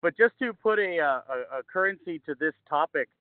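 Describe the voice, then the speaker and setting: A man's voice: on the high side, expressive, brisk, dry recording. Man muffled behind a face mask. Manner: hesitant, many fillers. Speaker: fire department official commenting at a public meeting. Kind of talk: halting public comment on a call. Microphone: call-in or video call audio. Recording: tinny phone-like line, dry.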